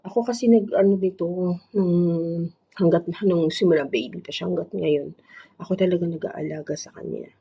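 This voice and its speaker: A woman vlogger who tells stories about her cats in a chatty, animated way and laughs often. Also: fairly low pitch, moderate pace, vocal fry, slightly rough, highs cut off. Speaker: vlogger, cat owner. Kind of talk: casual storytelling.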